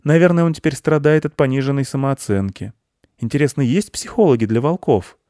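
A man's voice: medium pitch, a little fast, warm tone, dry recording, clean studio sound, pitched above the performer's own voice, close to an everyday voice. A man voicing a curious, earnest young boy in an audiobook. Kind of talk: audiobook character voice.

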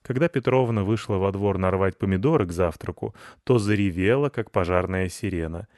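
A man reading a children's story aloud in a lively storytelling way. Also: low-pitched, fairly quick, no echo, clean studio sound. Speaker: narrator.

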